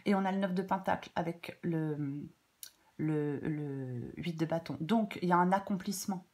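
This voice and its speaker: A woman with a cold-blocked nose gives casual, off-the-cuff tarot guidance in a halting, chatty way. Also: sits low, a little mellow. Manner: halting, self-interrupting, chatty asides. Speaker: tarot reader.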